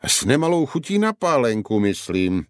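A man doing a sardonic gentleman companion. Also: mid-range voice, big pitch swings, no room sound, pitched above the performer's own voice, close to an everyday voice. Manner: dry asides, muttered. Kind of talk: audiobook character voice.

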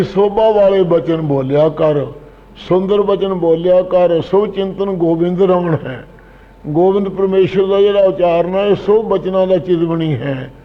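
A man's voice: high voice, in a large hall, phone-quality sound. A man earnestly expounding scripture line by line, addressing his listeners directly.

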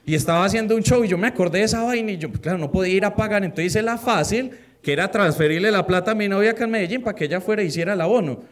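A man with a Colombian Paisa accent doing an animated stand-up set, tagging his punchlines with a quick questioning grunt. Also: high voice. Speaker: stand-up comedian. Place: comedy stage before a live audience. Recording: live show with a loud audience.

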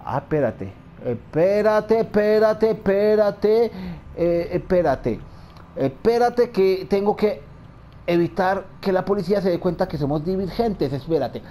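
A man's voice: high voice, lively intonation, a little slow, mellow, slight background noise. A man giving frantic let's-play commentary, talking to himself and repeating words. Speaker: gamer.

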